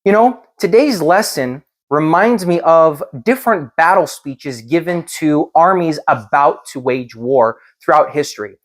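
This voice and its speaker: A preacher teaching a Bible lesson, reading and expounding in an emphatic, rhetorical way that builds through repetition. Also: medium pitch.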